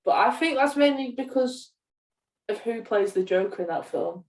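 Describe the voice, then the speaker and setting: Sounding distant from the microphone in an echoey room, a young media student co-hosts a laid-back film podcast. Her slightly high voice is expressive and moves at an ordinary speed.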